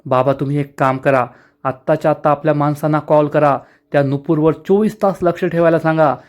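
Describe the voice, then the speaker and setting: A man voicing a scheming, vengeful woman company owner who speaks in a cold, low, menacing way. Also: steady tone, a little fast, lightly acted.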